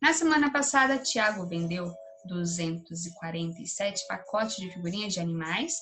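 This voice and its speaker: A woman's voice: on the low side, fairly bright tone. A woman with a Brazilian Portuguese accent teaching a recorded class to children, explaining exercises patiently and often checking in with a questioning tag. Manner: reads exercise text slowly and deliberately. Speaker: primary school teacher. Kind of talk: recorded remote class lesson.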